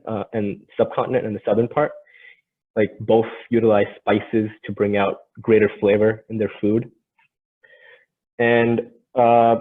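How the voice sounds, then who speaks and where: Guy doing a casual presentation, kinda halting, raspy voice, sounds like a tinny phone. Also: lowish voice. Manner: hesitant, halting delivery. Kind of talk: informal slide presentation. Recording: tinny, phone-like narrow band.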